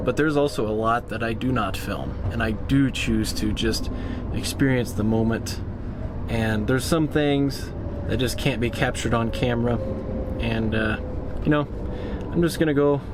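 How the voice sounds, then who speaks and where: A man chatting casually to the camera as he vlogs a road trip. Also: mid-range voice. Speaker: vlogger. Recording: very noisy outdoor vlog recording.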